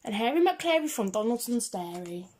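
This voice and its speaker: A fairly high-pitched, slightly mellow female voice reads a children's picture book at a moderate pace. Her sing-song delivery bounces along with the rhyming verse, typical of a storybook read-aloud.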